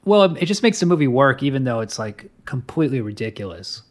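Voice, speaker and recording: A man's voice: mid-range voice, quick pace. Joking man co-hosting a movie podcast. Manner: joking, deadpan bits. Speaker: podcast co-host. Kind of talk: casual film chat.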